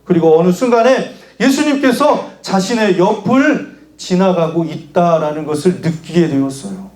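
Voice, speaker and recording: A male pastor telling a children's sermon in an animated storytelling manner, asking the children questions. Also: sits high, normal speed, reverberant.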